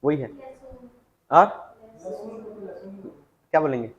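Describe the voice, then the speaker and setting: A man's voice: a little high, slow, dull audio. A male teacher giving a classroom lecture, dictating words, repeating them and asking the class questions. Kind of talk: classroom lecture on Chhattisgarhi vocabulary.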